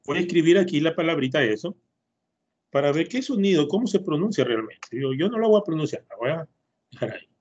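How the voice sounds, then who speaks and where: A man's voice: fairly high pitch, expressive, brisk, a little mellow, slightly rough. A man with an Ecuadorian Spanish accent teaching an online English class to children, patiently repeating words to drill their pronunciation. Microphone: computer mic on a video call. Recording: muffled lo-fi video-call audio.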